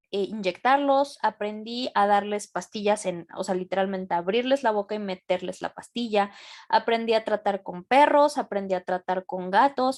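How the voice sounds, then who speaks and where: A young adult woman with a Mexican accent hosting a casual class, talking with enthusiasm and plenty of slang. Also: mid-range voice. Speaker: host of a membership session.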